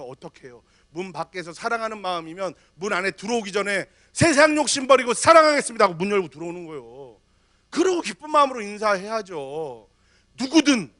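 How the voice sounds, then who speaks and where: A middle-aged man preaches a sermon as pastor, high-voiced and animated. He tells stories and acts out the people in them with sudden loud bursts. The sound is close and dry, with no room around it. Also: no echo. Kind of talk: lively sermon at a leadership seminar.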